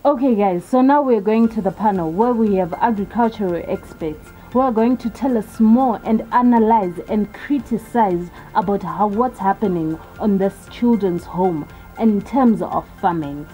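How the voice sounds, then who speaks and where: A young woman hosting a farm show outdoors, soft-spoken and encouraging. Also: medium pitch, normal speed, hardly any pauses, soft background music, rough recording. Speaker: show host. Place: outdoors in a garden.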